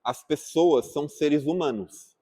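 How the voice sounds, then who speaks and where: A man's voice: on the high side, unhurried, mellow. A man teaching a class at church, talking casually and asking the group questions. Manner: asks the group questions, calling on people by name. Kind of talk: interactive class talk.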